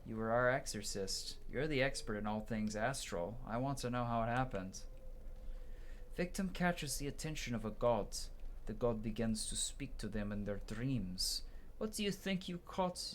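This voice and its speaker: Slight background noise sits under a medium-pitched male voice with lively intonation at a normal pace. He's playing through a game, commenting and dramatically voicing the dialogue, though he stumbles at times and redoes lines.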